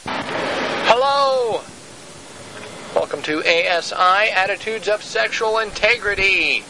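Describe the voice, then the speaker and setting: Host on a lo-fi cassette tape: a man with a bright voice, taped in a van with faint noise behind him. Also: high-pitched, lively intonation, slow. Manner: rambling, with frequent restarts. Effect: lo-fi cassette tape recorder recording. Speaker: podcast host. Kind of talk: casual solo show monologue. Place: inside a van on the road. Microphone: handheld tape recorder.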